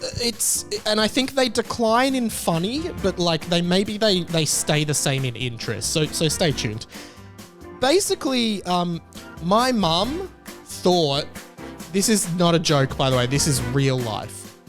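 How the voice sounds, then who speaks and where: A podcast host speaks on his solo show with faint music in the background. His voice sits high and is fairly bright, swinging widely in pitch at a slightly slow pace. He rambles openly and keeps stopping to restart his sentences.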